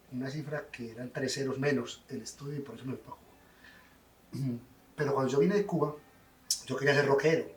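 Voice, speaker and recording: A man's voice: mid-range voice, far from the mic, slight background noise. A middle-aged man, answering interview questions in a wry, self-deprecating way. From Colombia. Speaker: guest songwriter. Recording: roomy, off-mic sound.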